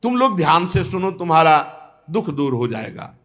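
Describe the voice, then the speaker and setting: A man giving a devotional discourse, telling a scripture story with sudden rises and drops in pitch. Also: very animated, normal speed, fairly bright tone. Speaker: spiritual preacher.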